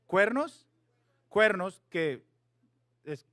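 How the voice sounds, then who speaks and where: A man in his thirties with a high voice gives a playful, animated youth sermon, telling a story and slipping English words in. The sound is close and dry, with no room echo. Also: extremely slow. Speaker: youth pastor.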